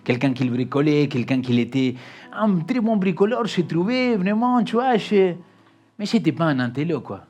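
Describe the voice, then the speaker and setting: A man from Argentina with an Argentine Spanish accent, preaching a sermon as a pastor and telling his story with dramatic swings from loud emphasis to hushed confession. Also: on the high side, big pitch swings, normal speed.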